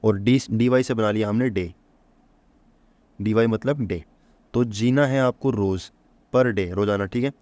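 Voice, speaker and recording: A man with a lowish voice teaches an exam-prep vocabulary lesson. He quizzes the listener with rhetorical questions and answers each one himself. He drills every point by repeating it, and the sound is close and dry. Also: a little slow, long pauses, darkish tone, no echo. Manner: repeats key points to drill memory tricks.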